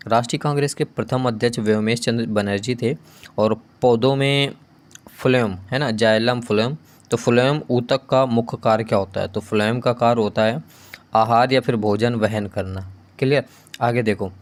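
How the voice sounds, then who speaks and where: Male coaching teacher, mid-pitched, runs question-and-answer drills with brisk asides. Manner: reads question then answers, adds quick asides. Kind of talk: quiz-style GK lesson.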